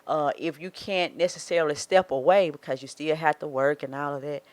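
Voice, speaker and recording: A woman's voice: low-pitched, steady tone, brisk, darkish tone, no room sound. A woman in her forties with a Southern US accent, a marriage coach giving earnest advice in a casual podcast chat. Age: 40s. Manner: earnest, advising, acts out quoted thoughts. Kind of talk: casual faith-based podcast talk.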